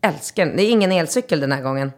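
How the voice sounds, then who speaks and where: Lively storytelling Swedish woman, lowish voice. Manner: lively storyteller, acts out quotes loudly. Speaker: podcast co-host. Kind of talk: casual chat.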